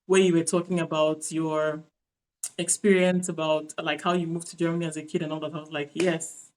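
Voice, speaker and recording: A woman's voice: sits low, flat delivery, brisk. A woman hosting a casual interview show, chatty and upbeat with many fillers. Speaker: podcast host.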